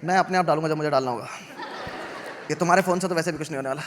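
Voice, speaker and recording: A young man from India doing stand-up comedy. He tells stories in a sardonic, conversational way, with sudden loud outbursts. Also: a little high, rapid-fire. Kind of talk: stand-up comedy with crowd work. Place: live comedy venue with audience laughter. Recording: noisy live show recording.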